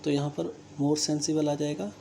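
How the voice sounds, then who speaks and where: A teacher with an Indian English accent explaining English grammar step by step, talking slowly and deliberately, spelling words out letter by letter and often checking understanding. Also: mid-range voice, flat delivery, gravelly, mellow, slight background noise. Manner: slow, deliberate, checks understanding with frequent "theek hai". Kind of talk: recorded classroom-style grammar lesson.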